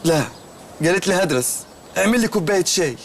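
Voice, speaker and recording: An actor with a high voice and Egyptian Arabic accent plays a naive, earnest shopkeeper in a comedy film, talking animatedly at a quick pace. He tells rambling, literal-minded stories, with slight background noise in the clip.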